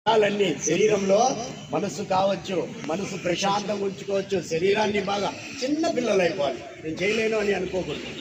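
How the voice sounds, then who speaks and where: High-pitched guy running a group yoga class, cheery and pushy, echoey sound from far away with noise behind. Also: fairly quick. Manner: coaxing, cheerful, urges loud shouts and laughter. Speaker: yoga instructor. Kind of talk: leading a group yoga session. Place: outdoor public yoga event. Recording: roomy echo from far off, noisy.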